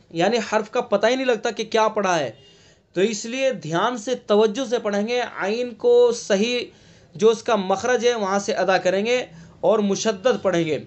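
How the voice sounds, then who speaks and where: High-voiced man teaching Quran recitation. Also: highs cut off. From India. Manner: patient step-by-step explaining, checks "ٹھیک ہے؟"; chants verses slowly, stretching vowels. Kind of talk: online Quran recitation lesson.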